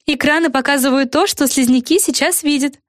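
A clever young witch girl, voiced by a woman reading a storybook, quick to explain what she has figured out. Her high voice sounds knowing and a little scornful, recorded dry and close. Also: no room sound, lightly acted. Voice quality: high girlish voice.

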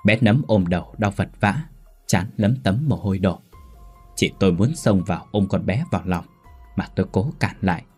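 Brief: male storyteller, measured ghost story narration, husky timbre. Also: deep voice, darkish tone, faint music behind.

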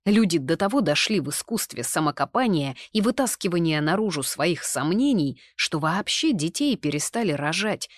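A woman reading the lines of a lively, stubborn young man in an audiobook, arguing in a brisk way. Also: lowish voice, no room sound, studio quality, pitched above the performer's own voice, close to an everyday voice. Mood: heated.

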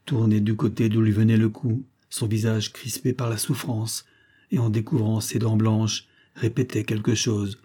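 A man reading a literary story aloud as an audiobook narrator, in a measured, grave way. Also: lowish voice, flat delivery, mellow. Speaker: audiobook reader.

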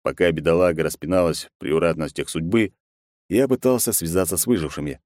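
Deep-voiced male audiobook narrator. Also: no room sound, studio quality. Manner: steady, measured reading. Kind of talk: scripted narration.

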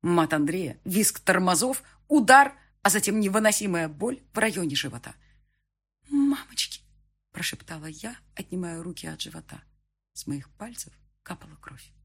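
A woman narrates a first-person audiobook in a quiet, shaken way. Her voice is lowish and breathy, with a husky grain. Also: animated, moderate pace.

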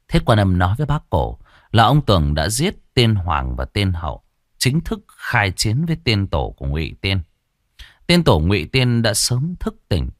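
A man narrating a ghost story with steady storytelling and lively intonation. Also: deep voice, dry recording, clean studio sound.

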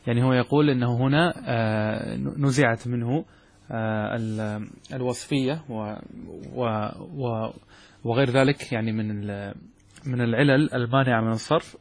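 Husky male sheikh teaching grammar. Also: medium pitch, steady tone. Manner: explains step by step, checks understanding with quick questions. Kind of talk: classroom lecture.

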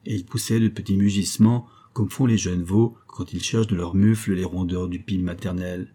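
A man reading a classic story aloud as a narrator, in measured, even storytelling. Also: low-pitched, slightly rough. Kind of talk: scripted audiobook narration.

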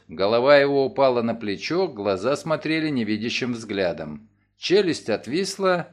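Expressive male audiobook narrator. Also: on the high side. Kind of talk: scripted narration.

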